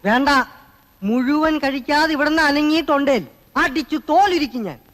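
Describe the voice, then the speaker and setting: An actor playing a strict carer who scolds children in a film comedy. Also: male voice, very high-pitched, normal speed, fairly bright tone. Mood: scolding. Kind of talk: Malayalam film comedy acting. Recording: echoing hall-like reverb.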